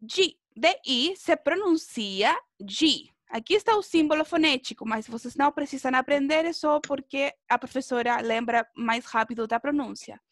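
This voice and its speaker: Brief: woman language teacher, high voice, encouraging, dry close mic. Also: normal speed, few pauses, no echo. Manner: encouraging, drills pronunciation with students. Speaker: Portuguese teacher. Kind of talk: online language class.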